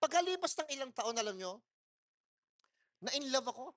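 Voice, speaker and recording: A man with a notably high voice preaches at a church service held in a mall. He tells his sermon as a string of personal stories, pushing his voice loud on purpose so people nearby can hear. He mixes English phrases into his talk and laughs often along the way. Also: sing-song, normal speed. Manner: storytelling, mixing in English phrases. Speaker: pastor.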